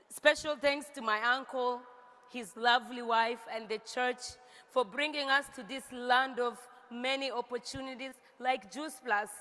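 A woman from South Sudan reading an emotional, grateful success speech on a large stage, sometimes rising to shouts. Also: high-pitched. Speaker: stage speaker at a company event. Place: large stage with reverberant hall. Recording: long hall reverb from stage.

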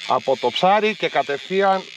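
A fishing vlogger in his thirties films himself on a small inflatable boat out on the open sea, calmly explaining to viewers what he's doing as he fishes. His voice is high, and music plays in the background. The boat-mounted action camera picks up outdoor noise from the boat and water.

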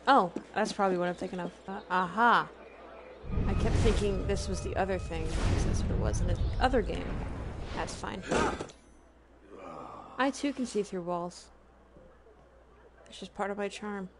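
A woman's voice: medium pitch, moderate pace, pauses often, noisy background. A woman giving casual gameplay commentary as a streamer, talking to herself with self-deprecating humor and sometimes fumbling for words. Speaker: game streamer. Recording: music behind the voice. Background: game music and sounds.

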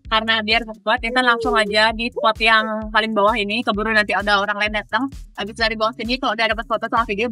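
A woman's voice: a little high, sharp tone. A woman vlogging outdoors at a waterfall, talking in a chatty, upbeat way with lots of fillers and an Indonesian accent. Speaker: travel vlogger. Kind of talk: casual travel vlog.

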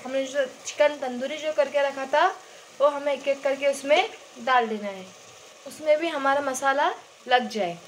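A woman's voice: high-pitched, moderate pace, a little hiss or hum, poor audio. A woman hosting a home cooking video, chatting casually as she goes through the ingredients step by step in her kitchen. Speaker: cooking channel host.

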